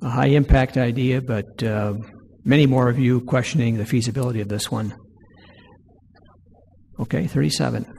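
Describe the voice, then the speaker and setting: A man presenting poll results to an audience, reading each item aloud more loudly and slowly. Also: medium pitch, vocal fry, slight background noise. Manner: reads each item aloud louder and slower. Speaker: presenter leading a workshop poll. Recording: long hall reverb.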